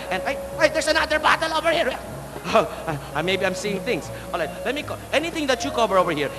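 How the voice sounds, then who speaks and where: A man with a Filipino accent doing playful, showy comedy magic patter like a kids' party magician on stage. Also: high-pitched. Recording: echoey hall sound, music behind.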